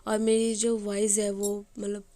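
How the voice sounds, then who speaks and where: A young woman with a hoarse voice, chatting casually as she narrates her day in a home vlog. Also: medium pitch, completely flat delivery, a little slow, warm tone. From Bengali family. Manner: chatty, rambling with fillers. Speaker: vlogger.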